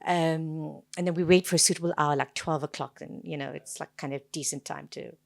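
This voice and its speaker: A woman with a Durban Indian South African accent, chatting casually and anecdotally as an interviewed author, animated, jokey and self-deprecating. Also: sits low, fairly quick, gravelly. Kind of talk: casual anecdotal chat at a book event.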